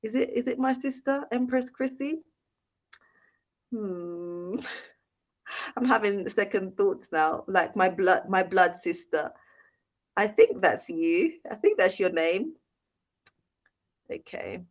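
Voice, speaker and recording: A woman's voice: medium pitch, lively intonation, slow pace, pauses often. A young woman hosting a casual live-stream Q&A, chatting, reading viewer comments aloud and thanking them often. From United Kingdom. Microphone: phone held in hand. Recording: dull lo-fi live-stream audio.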